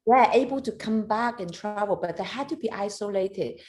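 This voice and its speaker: A Hong Kong woman in her thirties, a photographer and competition judge, chats on a casual video call interview in halting English. She's animated and laughs often, with a mid-range voice.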